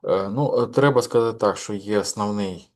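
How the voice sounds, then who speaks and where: Чоловік із низьким голосом, лекція з ШІ. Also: male voice, on the low side, brisk. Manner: hesitant, many fillers and restarts. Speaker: lecturer. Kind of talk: course lecture.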